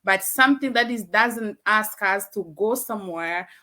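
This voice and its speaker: A woman's voice: medium pitch, measured pace, sharp tone. A woman from Canada, a guest in an online interview over a video call, speaking earnestly and repeating her words.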